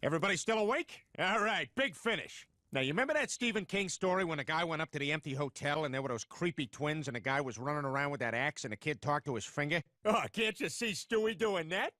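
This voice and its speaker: A man's voice: on the high side, expressive, quick pace, hardly any pauses, bright, forceful tone, dry recording, studio quality, faint music behind. An actor voicing a boisterous, goofy male cartoon host with chummy, rambling announcer talk. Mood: announcing.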